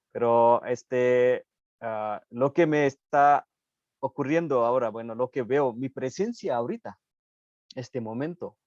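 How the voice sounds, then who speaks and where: An unhurried man from India, a Buddhist practitioner appearing as a guest, speaks in a measured, halting way in a reflective spiritual conversation, often pausing to search for the right word. His darkish voice comes through a dull, muffled, low-fidelity recording with no room echo at all.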